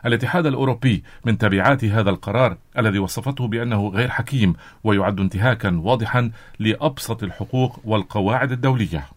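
A man anchoring a radio news bulletin in a brisk, steady newsreader delivery. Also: lowish voice. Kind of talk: formal radio news reading.

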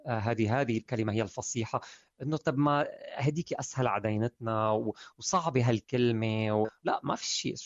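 A journalist with a Lebanese accent who explains language points emphatically and didactically, with many fillers. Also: male voice, medium pitch, no room sound, muffled recording. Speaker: journalist and writer. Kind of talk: conversational explanation of language usage.

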